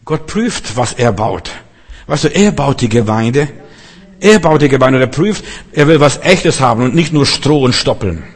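A man's voice: medium pitch, animated, normal speed, slightly rough. Emphatic male preacher in a reverberant hall. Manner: emphatic, rhetorical questions, acts out quotes. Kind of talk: sermon.

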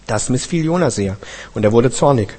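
A man reading a Bible passage aloud in a steady, measured way, now and then correcting himself. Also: mid-range voice, slightly rough, in a large hall. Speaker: scripture reader.

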